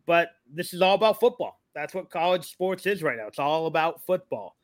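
A man giving conversational sports commentary as a podcast analyst, explaining his opinions in a measured way. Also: a little high, expressive, no room sound.

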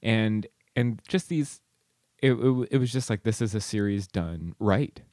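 Low-voiced man, halting book talk. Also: expressive, a little mellow, no room sound, clean studio sound. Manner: halting, restarts often, quick to laugh. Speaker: podcast co-host. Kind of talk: casual book chat.

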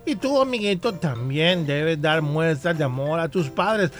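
A man's voice: a little high, expressive, measured pace, faint music behind. A man co-hosting a children's program, giving earnest advice on family love and mentioning God. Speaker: co-host of children's show. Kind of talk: family advice talk on radio.

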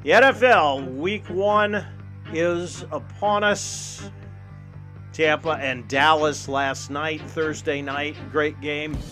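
A man's voice: fairly high pitch, fairly even intonation, slow, pushed and bright, soft background music. A man hosting a sports show, talking and reading ads energetically in punchy, emphatic short phrases. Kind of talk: energetic sports talk and ad read.

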